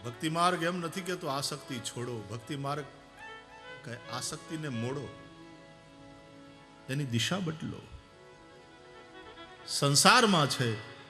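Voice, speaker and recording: Over music, a man with a fairly high pitch delivers a devotional sermon at a moderate pace, leaving long pauses. He animates his anecdotes by acting out quoted voices and singing verses.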